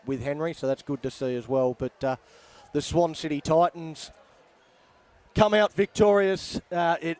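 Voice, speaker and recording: A man with an Australian accent calling a football game outdoors, measured and wry, with plenty of pauses. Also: fairly high pitch, darkish tone, smooth. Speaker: play-by-play commentator. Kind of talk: sports commentary wrap-up. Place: outdoor sports ground.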